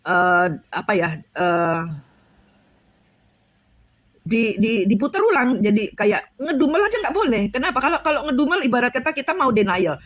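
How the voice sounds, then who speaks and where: A tarot reader and spiritual coach, her voice on the high side with a fairly bright tone, offers a casual spiritual talk free of echo. She rambles, restarting frequently and leaning on fillers.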